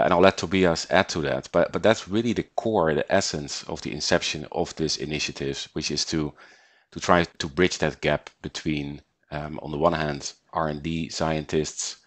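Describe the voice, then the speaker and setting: A middle-aged man from the Netherlands speaks in a very deep voice as a podcast guest. He talks in a measured way, often repeating himself and reaching for fillers. The recording is dry and close, with no room sound. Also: fairly even intonation, no room sound. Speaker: guest, investment banker. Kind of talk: podcast interview, conversational.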